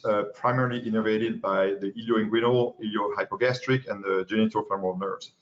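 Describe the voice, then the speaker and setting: A young man with a French accent giving a medical webinar lecture as a fellow, halting with fillers and restarts. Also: lowish voice. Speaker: pain medicine fellow presenting. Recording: dull lo-fi webinar audio.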